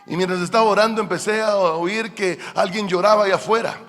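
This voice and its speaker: A man preaching a fervent sermon as pastor in a church, addressing the congregation directly and swinging between quiet asides and loud emphatic calls. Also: high voice, steady tone, brisk, faint music behind. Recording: long hall reverb.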